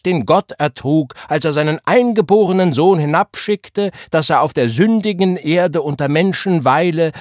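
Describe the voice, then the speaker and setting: A man voicing a fervent young male revival preacher, crying out with rising calls and drawn-out stresses. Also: a little high, no room sound, studio quality, voice pushed up. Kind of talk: impassioned sermon.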